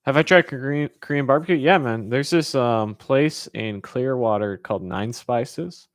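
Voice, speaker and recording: A Californian host chats casually through a viewer Q&A, talking off the cuff and meandering as he thinks. His voice is medium-pitched at a moderate pace, recorded dry at studio quality.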